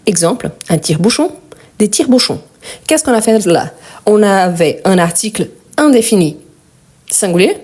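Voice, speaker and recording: A woman teaching French grammar in a live online lesson. She patiently repeats each word slowly and asks viewers questions. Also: mid-range voice, very animated, a little mellow, breathy edge.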